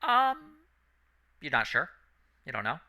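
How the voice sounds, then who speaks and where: A man narrating as dungeon master of a tabletop game, describing scenes in a relaxed, halting way with many fillers. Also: on the high side.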